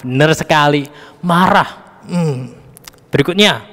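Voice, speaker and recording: A man's voice: on the high side, expressive, unhurried, in a large hall. A man leading a children's Sunday school Bible lesson, coaxing and addressing the kids directly.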